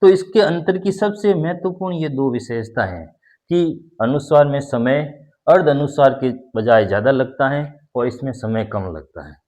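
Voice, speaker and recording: A man gives a classroom-style grammar lesson in a mid-range voice. He explains step by step and repeats his key points. He pauses to sound out example words. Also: medium pitch, expressive, darkish tone. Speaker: teacher.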